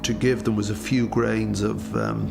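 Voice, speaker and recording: A man recalling what he saw in an interview, speaking in a slow, halting, grave way. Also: lowish voice, sing-song, gravelly, music in the background. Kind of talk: interview recollection.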